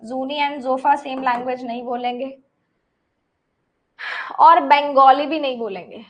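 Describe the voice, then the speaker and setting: A woman's voice: high-pitched, steady tone, slow. A woman teacher explaining a puzzle step by step, repeating items and checking in with her students. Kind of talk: online class explanation.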